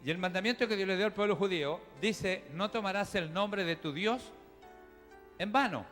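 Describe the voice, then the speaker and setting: Man, pastor, high-pitched, preaching in a church hall with reverb and faint music. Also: normal speed, fairly bright tone. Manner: teaching, chatty, addresses the congregation directly. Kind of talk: sermon.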